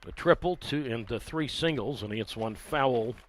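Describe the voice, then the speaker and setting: A man's voice: medium pitch, moderate pace. Man calling baseball play-by-play, wry. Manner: conversational, wry asides, filler "uh" between counts. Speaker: play-by-play announcer.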